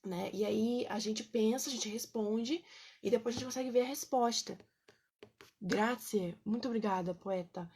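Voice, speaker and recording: Husky woman teaching. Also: fairly high pitch, moderate pace, darkish tone. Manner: chatty, with many fillers and checks like "né?" and "tá?"; greets viewers by name between points. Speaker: Italian teacher on a live stream. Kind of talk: casual live-stream teaching.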